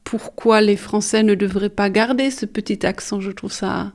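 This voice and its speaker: A woman's voice: medium pitch, steady tone, normal speed, a little mellow. A German woman with a German accent, co-hosting a podcast and chatting in an easygoing, opinionated way. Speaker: podcast co-host. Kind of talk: casual chat.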